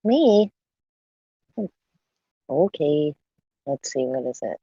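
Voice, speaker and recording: Slow, low-key woman reading chat messages. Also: sing-song, husky, no echo. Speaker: co-host reading super chats. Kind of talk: live stream banter. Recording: dull lo-fi sound.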